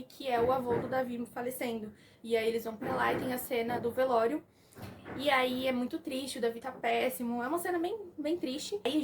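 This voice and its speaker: Young Brazilian woman, casual film review, lively and expressive, high voice. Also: background noise. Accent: Brazilian Portuguese. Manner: animated, acts out characters' lines.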